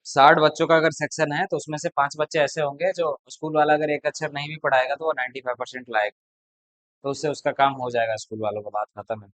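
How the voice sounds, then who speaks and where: A man's voice: fairly high pitch, fairly even intonation, quick pace, a bit bright, dry recording, poor audio. A man tutoring a class, talking casually and bluntly to his students between problems. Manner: blunt, chatty, lecturing. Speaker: math tutor.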